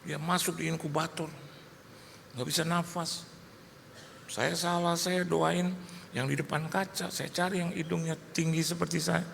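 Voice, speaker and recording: Animated gravelly preacher in a hall. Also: male voice, on the high side, a little slow, long pauses, slight background noise. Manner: storytelling, animated, acts out dialogue. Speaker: pastor. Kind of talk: sermon. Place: large church hall. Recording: echoey church hall, faint ambience.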